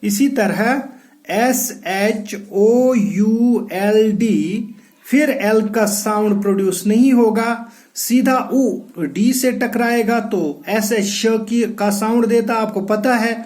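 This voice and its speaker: A man gives a recorded phonics lesson for young children, spelling out each word letter by letter before saying it. His delivery is very slow and deliberate, and his voice is mellow and soft-edged. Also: high-pitched. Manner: spells words letter by letter and drills pronunciations for repetition; mixes explanation with short English phrases. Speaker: first-grade English teacher.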